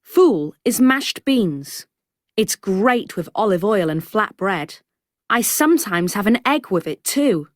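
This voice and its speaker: A woman voicing a cheerful boy in a textbook listening recording, reading slowly and carefully. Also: medium pitch, big pitch swings, dry recording, clean studio sound. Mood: friendly. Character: cheerful boy from abroad describing breakfast. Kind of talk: scripted textbook audio.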